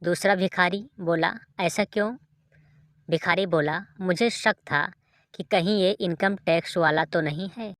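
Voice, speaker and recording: A woman reading short jokes aloud in an even storytelling delivery, as a dry close voice-over. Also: on the low side, measured pace, no room sound. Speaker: joke reader.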